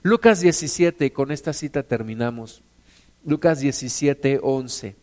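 A man's voice: medium pitch, a little slow. A man preaching a sermon to his congregation, calling them sisters and brothers and acting out the quotes he tells with a raised voice. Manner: acts out quotes with raised, shouting voice.

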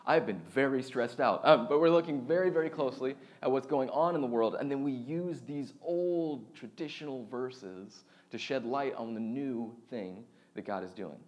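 A man's voice: medium pitch, moderate pace, few pauses, a little mellow. Chatty, self-deprecating young male pastor. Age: 30s. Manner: chatty, self-deprecating, many fillers and restarts. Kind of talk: casual conversational sermon.

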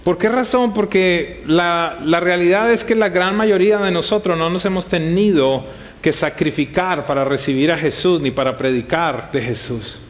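A man's voice: high voice, moderate pace. A male pastor preaching a sermon to his congregation, talking in a conversational way and throwing rhetorical questions at the room.

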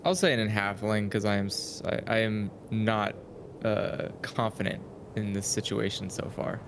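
A man with a fairly low voice plays a tabletop game. He thinks aloud and hesitates before he commits to a move, with faint noise in the background. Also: normal speed, vocal fry. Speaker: player. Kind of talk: casual tabletop game play.

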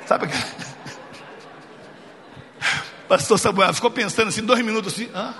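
A man's voice: high voice, normal speed, background noise. A man preaching a sermon, telling a funny story and acting out the dialogue. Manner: jokey, animated, acts out dialogue. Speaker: pastor. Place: church sanctuary. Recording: reverberant church hall.

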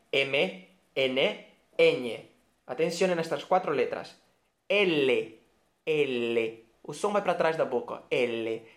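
Slow, patient Brazilian male teacher. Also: medium pitch. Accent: Brazilian Portuguese. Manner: patient, repeats sounds slowly for the viewer; often checks understanding with "ok?". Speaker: Spanish teacher. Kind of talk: video lesson.

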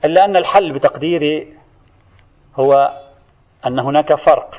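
A man giving a seminary lecture on jurisprudence, rapid and emphatic, speaking directly to his students. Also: a little high. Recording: dull lo-fi recording.

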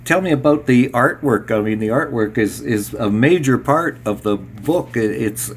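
Male radio host, casual and chatty, reads aloud in an easy, relaxed way. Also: mid-range voice, moderate pace, slight background noise. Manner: relaxed, chatty, laughs at his own slips. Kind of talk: interview and reading aloud.

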